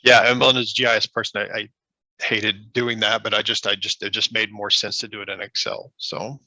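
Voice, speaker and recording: A man's voice: fairly low pitch, fairly even intonation, fast talker, sharp tone, no echo, low-quality recording. A man presenting at a conference over a video call, answering a question in a rambling, self-correcting way. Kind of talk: casual Q&A answer.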